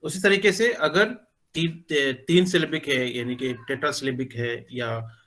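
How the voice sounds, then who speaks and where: A male teacher explaining a lesson, talking in an unhurried way with many pauses and filler sounds, with phrases. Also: mid-range voice, fairly even intonation, a bit bright. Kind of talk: spoken lecture in Hindi mixed with English.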